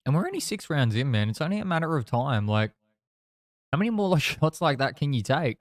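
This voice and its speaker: A man's voice: on the high side, sing-song, fairly quick, no echo. A man chatting casually and bluntly through live fight commentary, swearing now and then. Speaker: boxing watch-along podcast host.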